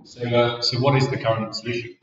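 A man hosting a business podcast, introducing his guest and asking brisk, concise questions. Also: mid-range voice, flat delivery, fairly bright tone, lo-fi sound. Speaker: podcast host. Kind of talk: interviewing. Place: co-working space office.

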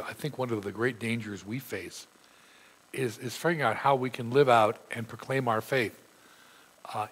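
A middle-aged pastor nursing a sore throat preaches earnestly in the church sanctuary, emphatically reading passages of scripture during his sermon. His voice is medium-pitched and husky.

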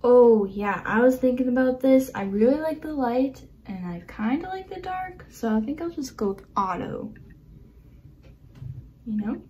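A woman vlogging as she unboxes and sets up a new laptop, excitable and gasping, often dropping into whispered asides, recorded indoors by a camera on a tripod. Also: a little high, unhurried. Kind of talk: unboxing vlog narration.

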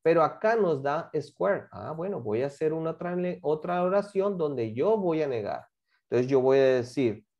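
Patient teacher. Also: female voice, on the low side, dark tone. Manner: patient, checks understanding with frequent questions. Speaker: English teacher. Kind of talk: explaining homework to a class.

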